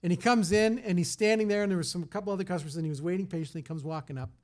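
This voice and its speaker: A middle-aged man who owns a tire shop, telling an animated story and acting out what his customer said. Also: high-pitched, rapid-fire. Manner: animated anecdote teller, acts out customer quotes. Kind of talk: storytelling in casual podcast chat.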